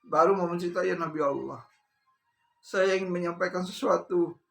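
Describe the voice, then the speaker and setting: A man's voice: high-pitched, moderate pace, gravelly, a bit bright, faint music behind, voice pushed up. A man voicing a weeping, pleading woman. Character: weeping remorseful woman confessing a sin.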